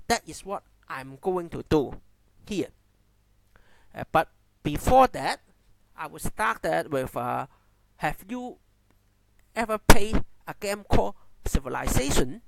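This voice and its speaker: A man from Hong Kong, a native Cantonese speaker with a heavy Cantonese accent, gives unscripted commentary haltingly, often repeating and restarting phrases. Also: a little high, gravelly, noisy background. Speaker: amateur YouTube commentator.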